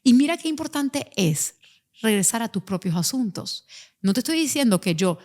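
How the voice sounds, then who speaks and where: A woman telling a personal parenting story in an animated monologue, acting out the voices of the people she quotes. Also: on the high side, normal speed. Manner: animated, acts out quoted voices, mixes in English words.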